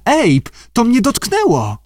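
Man putting on a spoiled young starlet lady, high and whiny, bossy, lively. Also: measured pace, dry recording, clean studio sound. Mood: frightened whimpering. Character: pampered, demanding young film starlet, woman.

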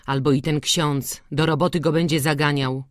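An audiobook narrator reading a classic novel in a measured, unhurried way. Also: medium pitch, steady tone, no echo, studio quality.

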